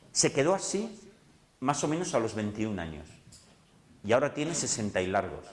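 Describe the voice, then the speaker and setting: A middle-aged man with a Spain Spanish accent gives a lively, conversational psychology talk, acting out little dialogues as he speaks. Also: fairly low pitch. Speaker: psychologist giving a lecture. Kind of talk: lively public talk to an audience. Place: lecture hall. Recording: echoey lecture hall.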